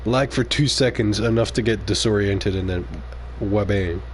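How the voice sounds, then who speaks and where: Speaking at a normal speed in a relaxed, low-pitched voice, a native French speaker provides live commentary while gaming on stream. He reacts out loud to what happens and mutters casual asides to his viewers, with a faint hiss audible beneath the recording.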